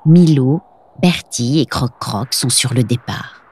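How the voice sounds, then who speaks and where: A woman narrating a children's Christmas story in a gentle, soft storytelling manner, recorded on a close mic. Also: rumbling low, takes it slowly, breathy edge.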